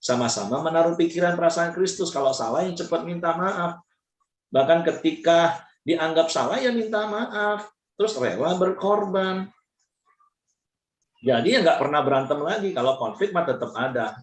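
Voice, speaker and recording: A male pastor giving an animated sermon talk, acting out quoted people in changing voices. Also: a little high, moderate pace, reverberant.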